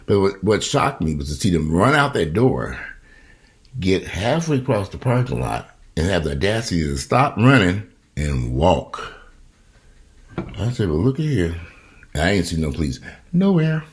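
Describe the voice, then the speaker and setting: Very deep-voiced man telling rambling stories. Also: moderate pace. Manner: rambling, profane, animated retelling with quoted voices. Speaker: vlogger. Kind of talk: casual storytelling monologue.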